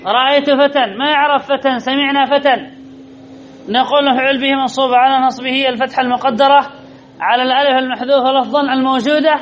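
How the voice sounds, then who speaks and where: A man with a strikingly high voice leads a classroom grammar lesson, firing questions at his students and then repeating the answers several times. The recording is dull and lo-fi, with a faint hum of background noise. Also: flat delivery, quick pace. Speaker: Arabic grammar teacher.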